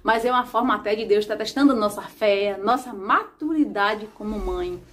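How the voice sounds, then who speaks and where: A woman with a Brazilian Portuguese accent, a mother hosting a casual parenting advice vlog in a calm, gentle, advising way. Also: mid-range voice, moderate pace. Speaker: mother and channel host.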